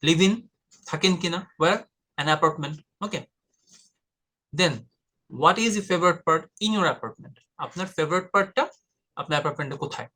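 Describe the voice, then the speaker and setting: A man's voice: fairly high pitch, a little slow, pauses often, sharp tone. A man from Bangladesh teaching an exam-prep lesson in a direct, informal way, addressing the viewer as brother. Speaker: IELTS tutor. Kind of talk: casual explanatory lesson.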